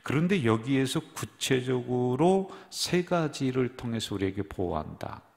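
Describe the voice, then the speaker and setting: A man's voice: medium pitch, expressive, unhurried, vocal fry, darkish tone. A middle-aged man preaching a sermon as pastor, speaking straight to the congregation and asking and answering his own questions. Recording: long reverb of a church hall.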